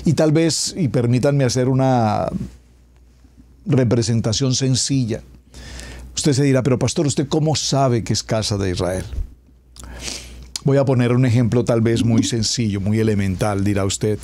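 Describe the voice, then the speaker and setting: A middle-aged man preaching a radio sermon as a pastor, emphatic, stretching key words and dropping to a hush at climaxes. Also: mid-range voice, unhurried, pauses often, slight background noise. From Colombia.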